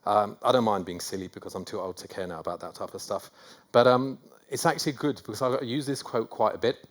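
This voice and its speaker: A man's voice: fairly low pitch, fairly even intonation, fast talker. Self-deprecating North London man presenting. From England. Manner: self-deprecating, rambling with many fillers and restarts. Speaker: conference speaker. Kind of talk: conference presentation. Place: conference hall.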